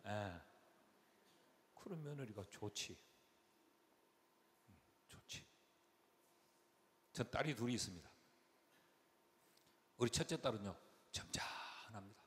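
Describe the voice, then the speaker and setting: A man's voice: fairly low pitch, slow pace, pauses often. A middle-aged man with a Gyeongsang Korean accent, preaching a folksy revival sermon and acting out quotes. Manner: animated, folksy, acts out quotes. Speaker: senior pastor, guest revival preacher. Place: large church sanctuary. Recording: long hall reverb, faint noise.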